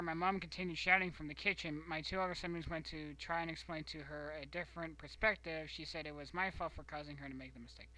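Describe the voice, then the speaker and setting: Streamer, casual reading and commentary, rambling, whispered asides, bright voice. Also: medium pitch, rough recording.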